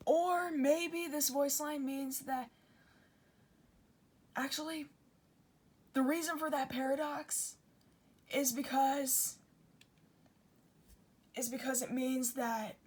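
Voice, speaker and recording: A video creator and commentator, this woman has a high, slightly rough voice. She gives informal explainer commentary, earnest and conversational, and frequently corrects herself.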